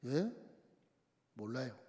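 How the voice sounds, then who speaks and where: A man's voice: medium pitch, big pitch swings, slow pace, dark tone, voice pushed down. A man voicing Job as a suffering, humbled man who answers God meekly and defensively. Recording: long church hall reverb.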